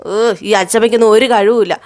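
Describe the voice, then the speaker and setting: A woman's voice: fairly high pitch, steady tone, fast, darkish tone, close to an everyday voice. A woman voicing a restless, curious young man who keeps pestering his family with fretful questions in a soap-opera recap.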